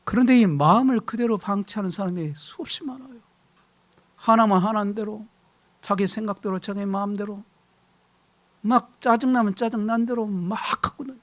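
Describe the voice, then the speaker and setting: A middle-aged man preaching a sermon as pastor, animated, acting out shouted household quarrels. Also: high-pitched, moderate pace.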